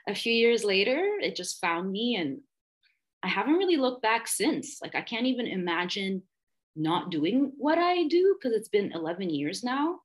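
A mid-range, sing-song voice at normal speed comes from a Dubai-raised perfumer in her thirties, appearing as a guest in a casual interview. She's reflective and gushing, stumbling for words with plenty of fillers.

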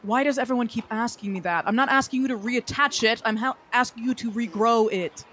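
A woman's voice: fairly high pitch, fairly quick, a bit bright, slight background noise. A woman chatting in character as a tabletop game player, hesitant and dryly argumentative. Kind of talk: casual in-character game chat.

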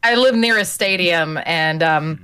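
A woman's voice: lowish voice, unhurried, sharp tone, clear, resonant tone. A woman from Slovenia, a native Slovenian speaker, chatting as a podcast guest in a self-deprecating way over a video call. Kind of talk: casual chat.

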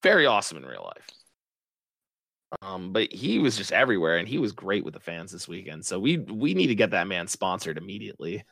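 Male podcast host, slightly low voice, rambling and excitable, dry close sound. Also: brisk, gravelly, dry recording. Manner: rambling, excitable, lots of fillers. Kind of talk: casual chat.

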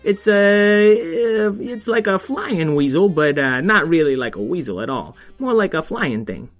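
A scrappy young weasel with a squeaky, lifted voice, put on by a man, hustling and stammering through his excuses. Soft music hums faintly behind him. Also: big pitch swings. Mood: wheedling. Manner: fast-talking, fumbling hustler with fillers. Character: scrappy young male weasel, cheeky schemer.

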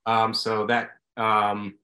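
A man's voice: fairly low pitch, completely flat delivery, slow pace, pushed and bright. A man chatting casually and conversationally as a guest on a talk show. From upstate New York. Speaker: guest, former hockey player. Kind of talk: casual chat. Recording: echoey, roomy sound.

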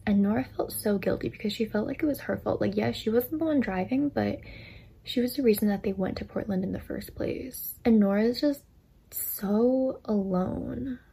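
A woman's voice: medium pitch, brisk, gravelly, warm tone, breathy edge. A young woman in her twenties casually retelling a book's story, chatty with lots of filler words, into a desk microphone. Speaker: storytime vlogger.

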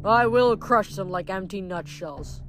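A woman's voice: mid-range voice, expressive, measured pace, music in the background, lightly acted. A woman reading aloud, voicing a menacing, boastful male giant in a storybook. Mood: taunting. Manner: taunting, theatrical.

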